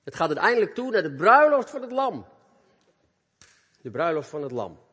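A man delivering an earnest, animated sermon, turning often to speak straight to the young people listening. His voice sits a touch high and carries a slight husk. The sound hangs in the long reverb of a church hall. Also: normal speed, husky. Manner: earnest, animated, addresses youth directly. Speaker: preacher.

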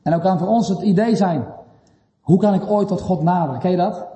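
A high-pitched man delivers a sermon, his tone mellow and earnest. He presses his listeners with rhetorical questions, building in intensity. His voice rings through a church hall with a long reverb. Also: a little fast. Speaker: preacher.

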